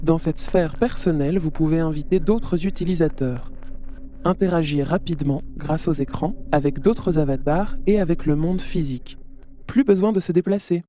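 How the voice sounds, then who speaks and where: A performer voicing a friendly virtual assistant AI with a synthetic robot-like sound. It announces things politely and brightly, like a system welcome message. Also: medium pitch, moderate pace, slight background noise. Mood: cheerful welcoming. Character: cheerful virtual assistant AI of a social network. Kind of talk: audio drama.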